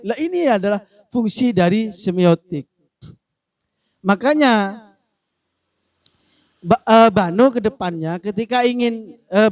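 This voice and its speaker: A man's voice: high-pitched, darkish tone, no room sound, studio quality. A man in a casual discussion, answering in a playful, joking way. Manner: playful, joking, acts out example phrases. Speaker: discussion speaker answering a question.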